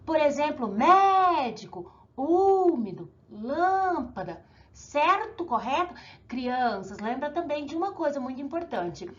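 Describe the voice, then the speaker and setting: A woman's voice: high voice, animated, fairly bright tone, muffled recording. A Brazilian woman teaching young pupils, drawing out example words and checking in with them often. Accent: Brazilian Portuguese. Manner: sing-song, drawn-out words, many check-ins. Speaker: primary school teacher. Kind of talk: recorded classroom lesson for children.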